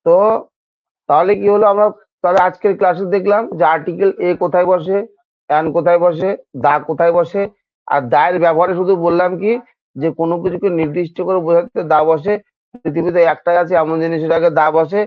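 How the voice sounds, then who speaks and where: High-voiced male teacher, tinny audio. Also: steady tone, fairly quick, dry recording. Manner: repeats points and asks the class questions; addresses students informally. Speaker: English teacher. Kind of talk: exam-prep grammar lesson.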